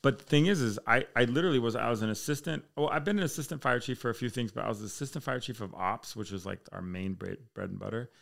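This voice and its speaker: A fast-talking fire chief in his thirties barely pauses, his mid-range voice gravelly and a bit bright. The podcast talk is casual, with rambling tales and relaxed swearing.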